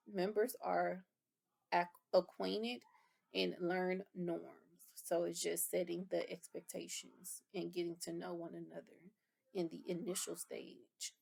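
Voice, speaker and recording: Woman instructor, explains and rephrases terms, fry-heavy voice. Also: lowish voice, a little mellow. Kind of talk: lecture review.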